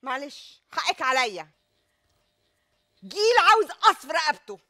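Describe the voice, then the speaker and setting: A woman's voice: high-pitched, very animated, a little slow, pushed and bright, slight background noise. A woman in her thirties with an Egyptian accent, hosting a hidden-camera prank and pleading her way out of a staged quarrel. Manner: flustered, pleading, repeatedly backing out. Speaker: prank show host acting a part.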